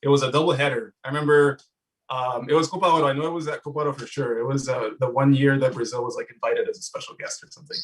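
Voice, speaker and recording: Fast-talking man telling a story. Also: medium pitch, fairly even intonation, far from the mic, poor audio. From Guatemalan-American family, Southern California. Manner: rambling, mixes English and Spanish. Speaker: podcast co-host. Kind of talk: casual storytelling chat.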